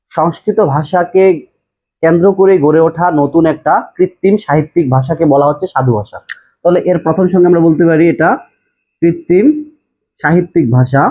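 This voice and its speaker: Husky man lecturing over tinny audio. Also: fairly high pitch. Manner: explanatory, repeats key terms, checks understanding. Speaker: teacher. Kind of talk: classroom lecture.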